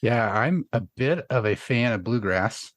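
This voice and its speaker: A man appearing as a podcast guest in casual chat, measured and laughing between phrases. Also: medium pitch, expressive, dry recording, clean studio sound.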